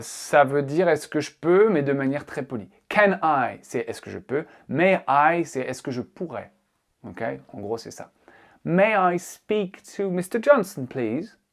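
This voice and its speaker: A man's voice: mid-range voice, creaky. A man teaching a casual spoken language lesson, playful and joking as he explains. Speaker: English teacher.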